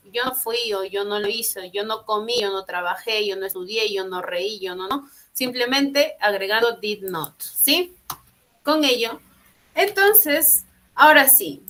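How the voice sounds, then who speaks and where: Bright-voiced teacher explaining patiently. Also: female voice, on the high side, low-quality recording. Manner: patient, repeats and checks understanding; drills pronunciation slowly. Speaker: English teacher. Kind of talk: online class explanation.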